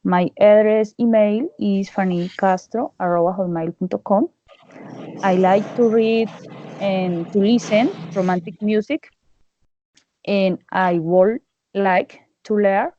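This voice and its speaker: A woman in her twenties, a Spanish speaker and English student, speaking careful, halting English on a video call. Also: medium pitch, warm tone, no room sound. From Colombia. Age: 20s. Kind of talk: introduction and answer in class discussion. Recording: muffled video call audio.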